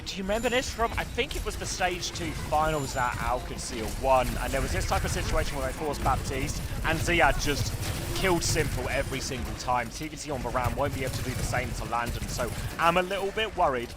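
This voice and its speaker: A man working as an esports caster, commentating a video game match in short clipped phrases that build into excited calls. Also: medium pitch, fairly quick, heavy background noise.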